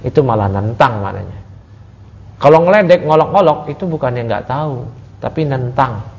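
A man teaching an Islamic study class, talking casually with his listeners and swinging from low asides to raised, emphatic points. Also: expressive, normal speed, gravelly. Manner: conversational, asks the audience, swings from low to raised emphatic tones. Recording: muffled audio recording.

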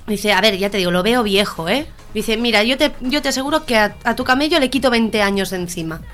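Woman, radio comedy co-host, lively pitch, acts out characters, faint music behind. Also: fast talker. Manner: animated joke delivery, acting out voices. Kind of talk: joke-telling radio banter.

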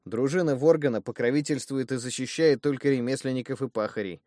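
Here is a hot-headed young male bandit in an audiobook, voiced by a man. He shouts indignantly and scolds his friend, his voice pushed high above the narrator's. The recording is dry and close. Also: fairly quick, dry recording, lightly acted. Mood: scolding. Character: blond young male bandit, brash and loud.

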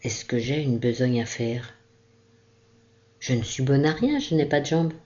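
A small crippled girl, lonely and despairing, as a woman reads her part aloud. The voice is mellow and soft, pleading through a storybook reading. The recording sounds dull and lo-fi. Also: a bass voice, measured pace. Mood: hopeful.

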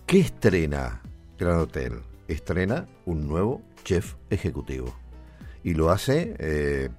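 A man's voice: a bass voice, a little mellow. A man hosting a radio interview, chatty and playful in his questions. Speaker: radio host.

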